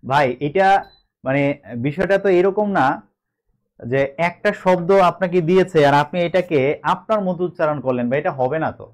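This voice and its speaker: A man's voice: a little high, moderate pace. A man with a Bangladeshi Bengali accent teaching an online grammar class, chatty and reassuring. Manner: chatty, reassuring, switches between explaining and coaxing.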